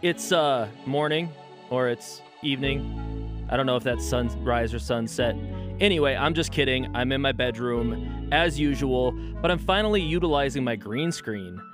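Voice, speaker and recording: A man in his thirties hosts a casual solo podcast from his bedroom, talking loosely and often correcting himself. His medium-pitched voice moves at a moderate pace over music.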